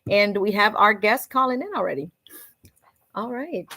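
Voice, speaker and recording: A woman hosting a community radio show does warm-up chatter as she introduces a call-in guest, switching between English and Spanish. Her voice is medium-pitched and expressive, at normal speed.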